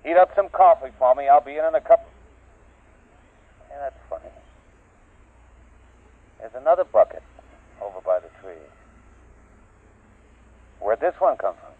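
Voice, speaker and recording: A doomed male field captain speaks over a field transmission in an old radio play. He talks slowly, with a slightly raised pitch. The sound is dry and tinny. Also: sing-song, dry recording. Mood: casual. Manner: casual, then screaming in panic. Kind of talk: 1950s radio drama acting.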